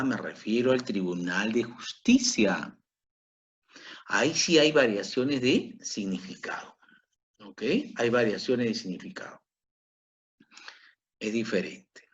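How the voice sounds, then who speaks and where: A man's voice: medium pitch, a bit bright. A middle-aged man teaching a grammar lesson, repeating himself and checking in with his listeners as he goes. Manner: slow, repetitive, checks in with "¿ok?". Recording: dull lo-fi recording.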